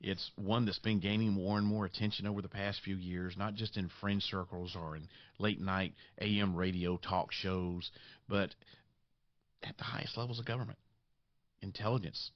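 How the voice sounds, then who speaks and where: A man hosting a podcast in monologue, with a raspy voice congested by sinus trouble and dramatic, deliberate phrasing. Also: fairly low pitch, steady tone, no room sound, lo-fi sound. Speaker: podcast host.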